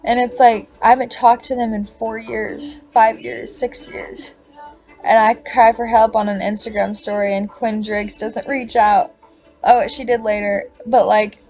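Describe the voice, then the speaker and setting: A woman's voice: on the high side, little pitch movement, measured pace, creaky, darkish tone, faint music behind. A woman in her twenties talking in a casual confessional monologue, rambling and filling her speech with "like" and the odd swear word.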